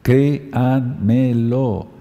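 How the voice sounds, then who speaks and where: A man preaching a sermon, dictating letters and verse numbers slowly and urging listeners to underline passages. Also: medium pitch, steady tone, mellow, long reverb tail.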